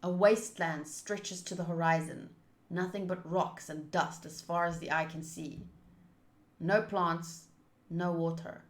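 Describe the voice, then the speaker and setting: In a roomy recording, a woman with a lowish voice talks at a measured pace and keeps her tone steady. She's casually streaming a visual novel playthrough, musing aloud or reading its text.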